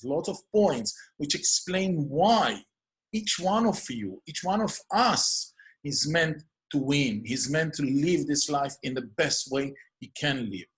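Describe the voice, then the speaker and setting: Hosting solo, a man introduces his program in earnest, speaking with an Israeli accent since Hebrew is his first language. His voice is somewhat high, and he strings phrases together as lists of near-synonyms.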